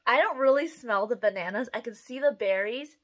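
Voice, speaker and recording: A mother hosting a candle review video chats to the camera from a small room at home. She is casual and expressive, with a fairly high-pitched voice and a brisk pace.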